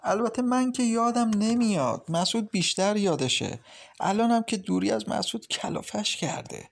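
A man voicing a cheerful teenage schoolgirl who comforts her sister-in-law in a lively, reassuring way in an audiobook. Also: high voice, gravelly, voice pushed up.

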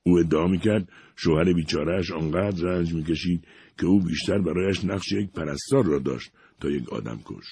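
Deep, husky male audiobook narrator. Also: dark tone, dry recording.

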